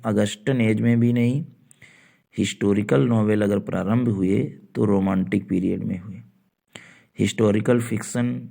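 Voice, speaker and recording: Slow gravelly male teacher. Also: on the low side, dark tone. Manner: slow and repetitive, spells out words letter by letter. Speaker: coaching teacher. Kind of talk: exam-prep literature lecture.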